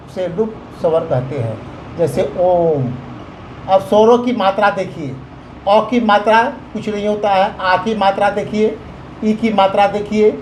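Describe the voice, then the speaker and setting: A man's voice: sits high, a little mellow, a little hiss or hum, poor audio. A man teaching a grammar lesson to children, explaining step by step with examples.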